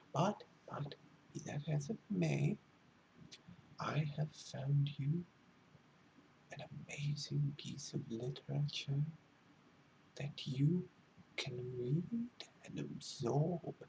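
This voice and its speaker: Man playing a pompous, creaky whispering librarian, whispered role-play. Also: on the high side, background noise. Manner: pompous, halting, theatrically wordy. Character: pretentious, fussy male librarian, condescending yet needy. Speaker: ASMR role-play performer.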